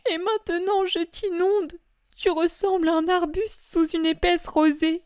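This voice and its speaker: A woman's voice: very high voice, unhurried, a bit bright, no echo, clean studio sound, voice pushed up. A woman voicing the grieving mother of Jesus, imploring and sobbing in a breaking voice, in a dramatic religious reading. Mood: tender.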